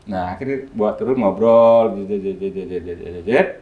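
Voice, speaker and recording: A man, a guest healer, telling a story in casual chat, lively and acting out the dialogue he quotes. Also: lowish voice, moderate pace, phone-quality sound. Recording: echoey room with faint music.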